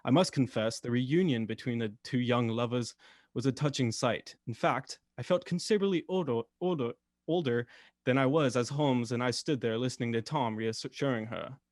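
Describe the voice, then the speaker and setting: A man acting in a radio drama as Doctor Watson, a blustering, kindly, indignant gentleman with old-fashioned turns of phrase. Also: mid-range voice, normal speed, no room sound, clean studio sound, natural voice. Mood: narrating, reflective.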